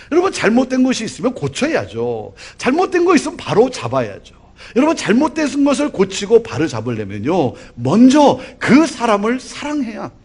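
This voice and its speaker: A middle-aged male pastor preaching a sermon in an animated way, voice rising and falling in loudness, with a husky tone. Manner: animated preaching with lively swings of pitch and loudness.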